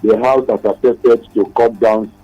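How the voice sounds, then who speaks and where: A man's voice: lowish voice, fairly even intonation, unhurried, mellow, breathy edge, soft background music. A man calling in to a radio talk show, speaking earnestly and repeating his points, his voice muffled as if heard through a wall over a dull phone line. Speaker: caller.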